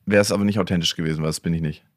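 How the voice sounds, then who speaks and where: A man's voice: sits low, fairly even intonation, very fast, no room sound, studio quality. A man talking as a father in a casual podcast chat, reflective and questioning.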